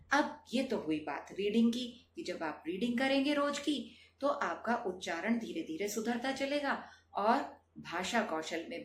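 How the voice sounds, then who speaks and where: A woman's voice: medium pitch, reverberant, a little hiss or hum. A woman teaching a Hindi lesson to students, calling them children and asking rhetorical questions.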